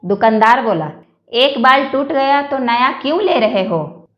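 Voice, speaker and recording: A woman reading a string of jokes aloud, one after another, in an even manner. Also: a little high, measured pace, roomy sound, muffled recording. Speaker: joke reader.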